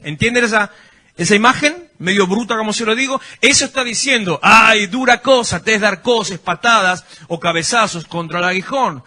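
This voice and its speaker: A man's voice: high voice, bright, forceful tone. A male pastor, preaching a sermon and putting questions to his congregation. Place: church.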